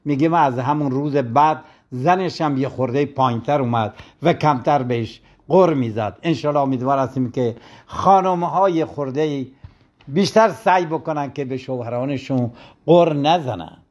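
A man's voice: medium pitch, a little mellow. Man telling a sermon story, lo-fi. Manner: storytelling, acting out quoted complaints. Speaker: religious teacher.

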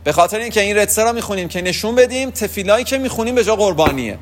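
High-pitched man; patient religious teacher who explains step by step and answers his own questions. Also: expressive. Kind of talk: spoken lesson on prayer rules.

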